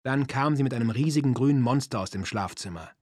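Calm male audiobook narrator, dry sound. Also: medium pitch, fast talker, no room sound.

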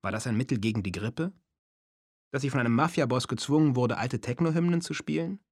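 A man's voice: mid-range voice, fairly quick, a little mellow, dry recording. A man reading a first-person story as an audiobook, with a dry, self-mocking manner. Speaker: narrator. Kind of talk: audiobook narration.

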